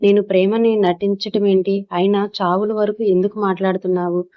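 Woman narrator reading stern young husband, serious tone, storybook, even delivery. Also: mid-range voice, moderate pace, no echo, lo-fi sound, natural voice. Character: young husband, worried then angry.

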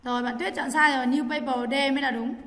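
A woman's voice: high-pitched, steady tone, fast, long reverb tail, a crowd in the background. A woman teaching a class, firmly questioning students and correcting their answers. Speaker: English teacher.

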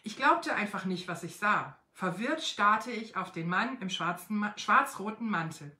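Bright-voiced woman reading a story aloud. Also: mid-range voice, measured pace, echoey room. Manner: lively expressive reading. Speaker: host of a craft shop live stream. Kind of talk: storybook reading on a live stream. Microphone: phone, filmed upright.

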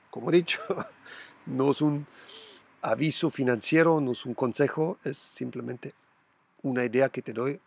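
A middle-aged man hosts a crypto channel from his home, chatting casually to the camera in a mid-range voice with vocal fry and a breathy edge. He squeals when imitating panicked buyers, and there's no room sound.

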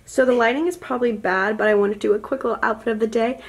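Chatty young woman vlogger, slightly high. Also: steady tone, quick pace, over music. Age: young adult. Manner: chatty, rambling with fillers and restarts. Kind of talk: casual vlog chat.

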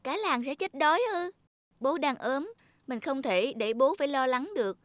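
A dutiful young village girl in a children's cartoon voiced by a woman, high-pitched and polite. She sounds earnest and a little anxious. Bright kids' music plays behind her. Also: lively intonation, normal speed, no echo. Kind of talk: cartoon voice acting.

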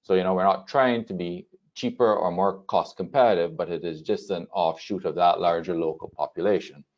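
Man from Barbados, very low voice, steady explainer, dull call audio. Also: fairly quick. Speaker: panelist. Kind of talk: webinar panel talk. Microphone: video call.

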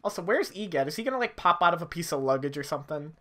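A woman doing let's play commentary on a video game, giggling often, swearing and reacting loudly. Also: on the low side, lively intonation, racing. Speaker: game streamer.

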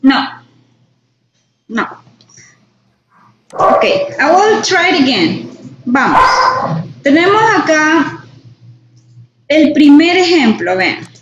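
A woman's voice: sits high, sing-song, extremely slow, pauses often. A woman teaching English grammar in a class, patient and repeating each point with "right?". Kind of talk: online class explanation. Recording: roomy, dull sound with faint noise.

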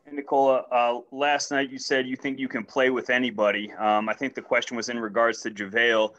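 A man poses a question at a press conference in a casual, slightly hesitant way. His voice is bright and forceful. The sound is a bit dull and lo-fi. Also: medium pitch, level tone, brisk. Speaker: reporter.

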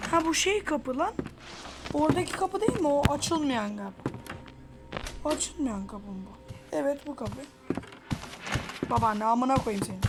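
A young woman giving foul-mouthed, yelling commentary while playing a horror game. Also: high-pitched, heavy background noise. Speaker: gameplay streamer.

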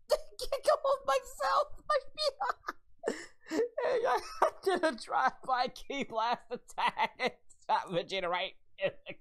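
A woman playing Goku as the host of a reaction video, excitable and quick to shout and laugh. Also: sits high, exaggerated voice. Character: Goku, cheerful young male alien fighter. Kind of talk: reaction commentary.

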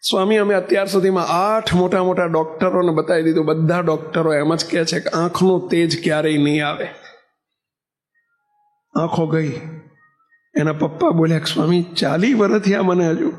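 Man monk, high voice, sermon storytelling, vivid narrator acting out dialogue. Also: little pitch movement, moderate pace, long pauses, faint music behind. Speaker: monk preacher.

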